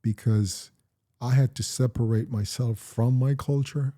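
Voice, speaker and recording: In a casual talk with his daughter, this middle-aged man from Jamaica reflects on the past, his Jamaican accent carrying a steady, warm, mid-range tone. As the interviewee and her parent, he tells his stories slowly and thoughtfully.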